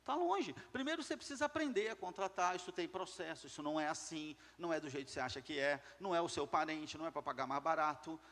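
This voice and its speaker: Man, motivational speaker, emphatic and repetitive, slightly high voice, long hall reverb. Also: animated, quick pace, hardly any pauses, fairly bright tone. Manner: emphatic, repeats key words, asks the audience questions. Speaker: business speaker addressing entrepreneurs. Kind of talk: motivational talk to a live audience.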